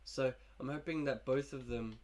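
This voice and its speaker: Sick and coughing, a young man who makes gaming videos talks through his team in a laid-back, meandering way. His medium-pitched voice is fairly even, a little mellow, and moves at a normal speed.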